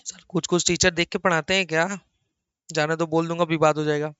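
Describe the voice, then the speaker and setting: A middle-aged man teaching an accounting lecture at a laptop, chatty and animated, repeating words for emphasis and teasing his students in asides. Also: on the high side, fairly quick, clean tone, dry recording, highs cut off. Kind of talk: recorded online lecture. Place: small room at a laptop.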